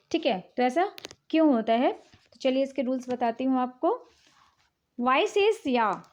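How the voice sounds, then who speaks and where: A woman's voice: sits high, darkish tone. A woman teacher explaining English spelling rules patiently, mixing in English words and checking in often. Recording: dull, lo-fi recording.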